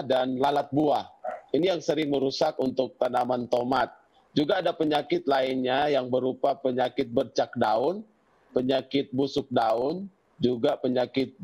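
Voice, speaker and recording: Husky-voiced man, farmer. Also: medium pitch. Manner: steady, listing items one by one. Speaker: tomato farmer. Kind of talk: practical explanation in an interview.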